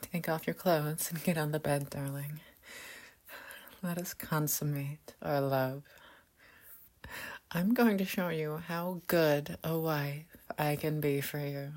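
A woman playing a doting, seductive mother figure in an intimate audio roleplay, talking softly in murmurs and whispers with hums and light laughs. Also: lowish voice, husky, full character voice. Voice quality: soft, whispery. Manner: slow, murmuring, teasing, with frequent hums and soft laughs.

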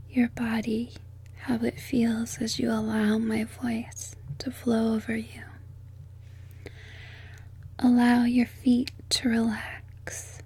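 A woman whispers a guided sleep hypnosis, soft and breathy, repeating each calm phrase. Her delivery is extremely slow and even, with almost no rise or fall. The tone is mellow and dark. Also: fairly high pitch. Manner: slow repetitive soothing whisper.

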